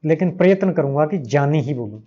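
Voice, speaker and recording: A man's voice: fairly high pitch, animated, fast, warm tone. A man teaching Sanskrit grammar with a Hindi accent, patiently repeating each sound aloud for his learners. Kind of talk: slow spoken grammar lesson. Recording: slightly dull lo-fi recording.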